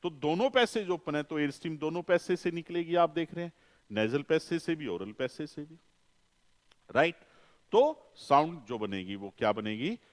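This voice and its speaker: Male teacher, lively, high-leaning lecturing voice, repeats and quizzes, booming reverb. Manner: repeats key terms, asks questions and answers them himself; slows down for emphasis. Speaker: phonetics teacher. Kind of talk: classroom lecture. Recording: long reverb, echoey room.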